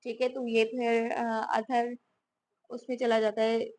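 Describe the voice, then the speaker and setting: A woman's voice: a little high, flat delivery, slow pace, a little mellow. A woman from Pakistan, casually lecturing on English grammar and often checking in with rhetorical questions. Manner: explains with repeated "theek hai" and rhetorical questions. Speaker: teacher explaining English grammar.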